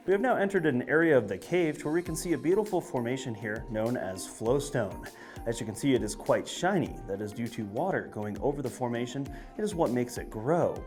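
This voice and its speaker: A man's voice: medium pitch, a little mellow. A man working as a cave tour guide, narrating a guided tour on location and explaining the sights as he moves along. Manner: explanatory, presenting sights on the move. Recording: music behind the voice.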